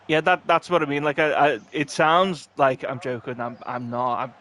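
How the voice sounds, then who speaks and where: A man chatting while gaming who reacts excitedly to his match and often repeats words. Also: on the high side, normal speed. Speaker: streamer playing with friends. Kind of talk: casual chat while gaming.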